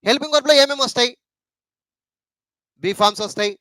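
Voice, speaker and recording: A man's voice: very high voice, fast talker, pushed and bright, dry recording. A man with a Telugu accent teaching an English grammar lesson, repeating points and asking rhetorical questions.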